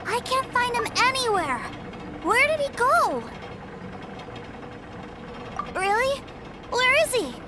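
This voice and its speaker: An excitable, high-voiced little boy. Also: measured pace, exaggerated voice. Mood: puzzled, let down. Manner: childlike, eager. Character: excitable sweet little boy, adores his big brother. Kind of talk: video game voice acting.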